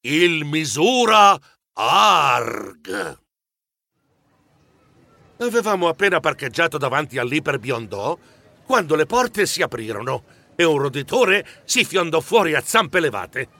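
Lively bright-voiced man telling a kids' story. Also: on the high side, moderate pace. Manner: animated, jittery storytelling in first person. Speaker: audiobook narrator. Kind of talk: expressive children's audiobook narration.

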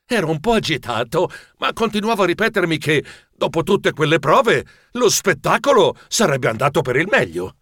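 An actor playing an anxious, fussy male mouse telling his own story in an audiobook, expressive and easily flustered. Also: fairly high pitch, moderate pace, few pauses, no room sound, studio quality. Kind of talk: audiobook narration.

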